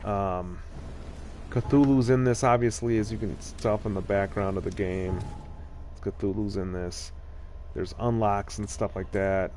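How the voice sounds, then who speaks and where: Male game streamer: slow, rambling, informal commentary over background music. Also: on the low side, steady tone, darkish tone, slight background noise. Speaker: video game live streamer. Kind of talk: casual gameplay commentary.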